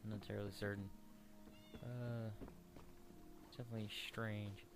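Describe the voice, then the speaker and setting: A man giving casual, rambling let's play commentary, halting and searching for words. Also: on the low side, level tone, over music.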